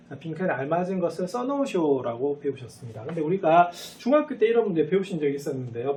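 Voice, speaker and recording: A man teaching a high school math lesson who keeps asking and answering his own questions as he works through each step. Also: a little mellow, recorded from a distance, slight background noise. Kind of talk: recorded math lecture.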